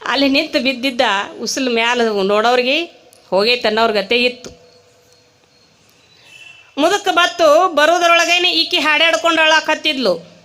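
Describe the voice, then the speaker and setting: A woman preacher with a North Karnataka Kannada accent tells a comic story during a sermon, animating every character. Her voice sits high and sounds sharp, and she speaks fairly quickly.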